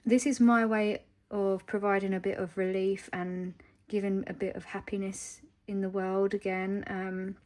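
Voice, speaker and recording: A young woman from England talking to camera in a casual vlog, hesitant and heartfelt, with many pauses and ums. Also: medium pitch, little pitch movement, darkish tone. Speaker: vlogger.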